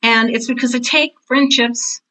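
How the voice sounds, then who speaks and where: Being interviewed, this older woman, sixty or beyond and a longtime theater teacher, tells stories bluntly and animatedly, frequently performing the things she and others said. She speaks at normal speed with a fairly high pitch, candid and conversational.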